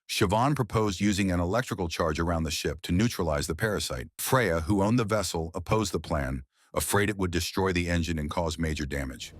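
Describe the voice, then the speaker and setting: A man narrating a movie recap in a steady, even summarizing tone. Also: low voice, brisk, no echo, clean studio sound. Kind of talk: scripted narration.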